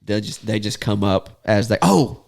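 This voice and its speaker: A waterfowl hunting guide and podcast host tells stories in a casual chat, laughing a lot, restarting often and using a Southern "y'all." His lowish voice is gravelly, a little mellow and animated, at normal speed.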